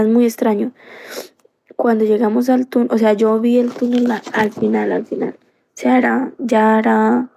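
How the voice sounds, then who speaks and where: A woman's voice: on the high side, creaky, warm tone. A woman from Colombia, earnestly telling a personal story on a live stream into a phone, circling back with many fillers.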